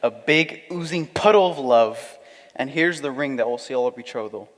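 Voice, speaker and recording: An actor playing a vain, pompous young gentleman who is sure of his own worth, in a comic audio drama. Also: medium pitch, animated, moderate pace, long reverb tail, natural voice. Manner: pompous, self-satisfied, theatrical.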